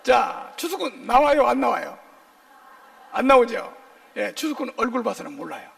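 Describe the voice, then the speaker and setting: High, gravelly-voiced preaching man. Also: moderate pace, recorded from a distance. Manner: lively, quizzes the congregation with call-and-response questions; jokey, playful asides. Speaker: pastor. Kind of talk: sermon.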